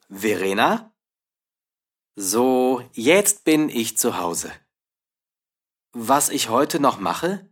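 A man playing an affectionate, reassuring caller in a scripted phone conversation, gentle and deliberate. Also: medium pitch, exaggerated voice.

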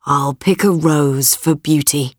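A worried merchant father, as a woman reader puts him on, plain and earnest. The lines come slowly, in a voice close to her own. Dry, close sound. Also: low-pitched, no echo, pitched below the performer's own voice.

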